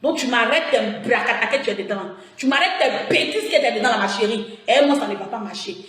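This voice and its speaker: A woman's voice: on the high side, expressive, fairly quick, a bit bright. Taunting Ivorian woman in an echoey room. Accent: Ivorian French. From Côte d'Ivoire. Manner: taunting and confrontational, with sing-song mockery. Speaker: live-stream blogger. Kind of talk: heated live-stream rant.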